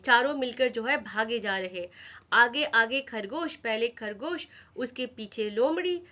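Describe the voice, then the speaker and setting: A woman's voice: fairly high pitch, pushed and bright. A woman teacher telling a children's story as a lesson, repeating lines and asking the class questions. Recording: dull lo-fi recording.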